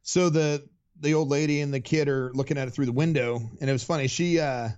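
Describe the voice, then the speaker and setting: A man's voice: a little high, fairly even intonation, brisk, a little mellow, smooth. Rambling man in a muffled recording. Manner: rambling retelling full of fillers, quoting the characters' lines. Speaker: podcast co-host. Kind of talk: casual chat recapping a comic.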